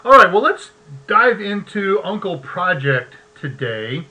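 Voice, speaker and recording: A man's voice: sits high, very animated, measured pace, sharp tone, low-quality recording. A man hosting a live tech show, chatty and easygoing, who laughs often and reads short verses aloud. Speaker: host.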